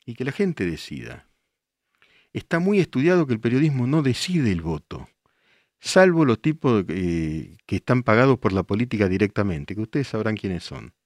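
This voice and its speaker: An older Argentine radio host reads listener messages and answers with emphatic rhetorical questions. His lowish voice has a sing-song quality at a normal speed, and the recording is studio quality with no room sound.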